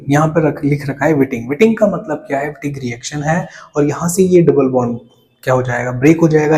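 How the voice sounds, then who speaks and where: A man's voice: on the high side, warm tone, poor audio. A young man explains chemistry in a lecture, often asking questions and answering them himself, with playful asides. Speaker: chemistry teacher. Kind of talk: whiteboard lecture.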